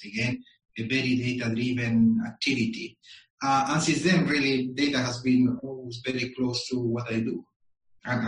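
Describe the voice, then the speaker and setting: A man from Chile, answering interview questions in a measured way and pausing often with ums and uhs. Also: mid-range voice, far from the mic. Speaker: guest. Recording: echoey room, voice a bit off-mic.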